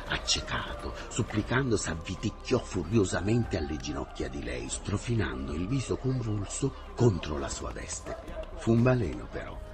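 Low-voiced man reading literary prose. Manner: measured, expressive, often hushed. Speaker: reader.

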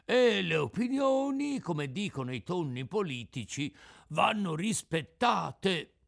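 A man's voice: sits high, big pitch swings, slow pace, vocal fry, voice pushed up, exaggerated voice. A man voicing a resigned, philosophical old male tuna with a cracked, out-of-tune voice, in an audiobook reading. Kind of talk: audiobook character voice.

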